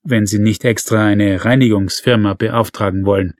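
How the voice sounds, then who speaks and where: A man voicing a hesitant rural male police officer who talks in a calm, placating way. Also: lowish voice, normal speed, no echo, studio quality, lightly acted.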